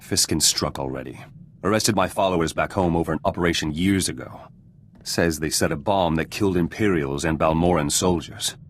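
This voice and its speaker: Man playing Zenith, very low, curt guerrilla fighter. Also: brisk, slight background noise, lightly acted. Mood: grim, bitter. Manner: clipped, terse fragments, blunt. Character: gruff, guarded revolutionary fighter turned politician, curt and cynical. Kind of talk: video game character dialogue.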